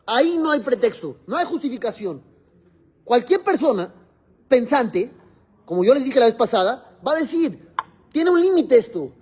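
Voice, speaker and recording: High-voiced rabbi teaching. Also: male voice, sing-song, normal speed, breathy edge. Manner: explains step by step, quizzing students with questions. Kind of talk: religious class lecture.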